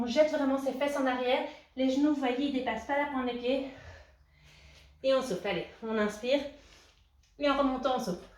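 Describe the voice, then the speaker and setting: Moving around a room at home, away from the distant camera, a young female fitness coach guides a postpartum workout class. She counts reps and cues breathing, encouraging steadily in a fairly high voice. Her voice sounds far off, with a noticeable echo.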